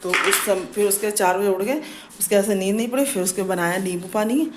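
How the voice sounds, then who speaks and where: A woman's voice: medium pitch, fairly quick, background noise. Chatty woman vlogging at home. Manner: chatty, rambling, many fillers. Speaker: family vlogger. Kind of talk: casual home vlog chat. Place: home, indoors.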